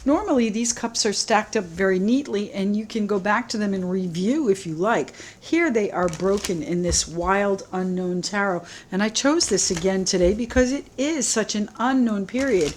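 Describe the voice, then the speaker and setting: A woman giving a solo tarot reading to camera, musing gently and repeating her phrases, a little choked up. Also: mid-range voice, normal speed, hardly any pauses, slight background noise, rough recording. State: slightly choked up, clearing throat. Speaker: tarot reader.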